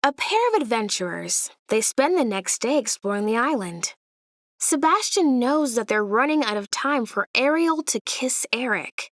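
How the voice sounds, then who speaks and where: At a moderate pace, a storybook narrator reads to young listeners, her fairly high voice rising and falling in lively swoops. She lingers over lines and stresses them dramatically. The audio is close, with no echo at all.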